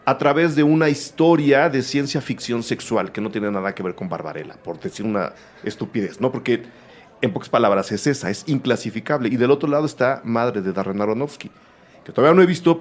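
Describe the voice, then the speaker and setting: A man hosts a film interview in a medium-pitched voice. He talks at length and drifts into side remarks before he gets to his questions. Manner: chatty, rambling asides. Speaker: film show host, interviewer. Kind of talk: casual interview conversation.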